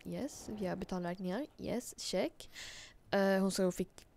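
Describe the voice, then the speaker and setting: A woman's voice: medium pitch, creaky, a little mellow, slight background noise. A woman giving casual, chatty gameplay commentary, giggling and coaxing the character she controls. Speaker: let's play host.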